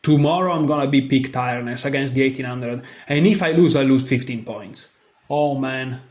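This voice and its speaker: A man's voice: medium pitch, moderate pace, a little mellow. A man talking casually to his viewers about his chess tournament, chatty and self-deprecating, sounding worn out. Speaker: chess vlogger. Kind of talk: casual vlog commentary.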